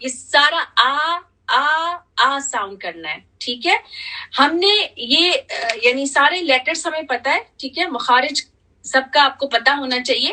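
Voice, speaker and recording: A woman's voice: high voice, pushed and bright, recorded from a distance, low-quality recording. A woman teaching tajweed, patiently repeating letter sounds and mixing in English. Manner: patient, repeats sounds slowly, checks in with "theek hai"; switches between Hindi-Urdu and English. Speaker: Quran recitation teacher. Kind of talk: tajweed lesson with demonstrated recitation.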